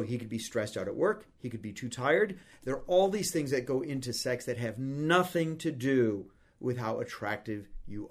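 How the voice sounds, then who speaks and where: A middle-aged man hosting a podcast, talking frankly and reassuringly in a casual advice style. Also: medium pitch. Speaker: podcast host.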